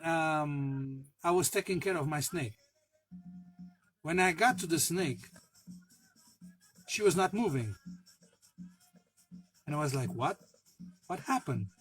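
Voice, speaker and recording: Male storyteller, high-pitched and husky, slow casual anecdote with fillers and self-mocking laughs. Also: soft background music, low-quality recording. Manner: halting, many fillers and restarts, laughs at himself, swears. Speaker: spiritual worker telling a personal story.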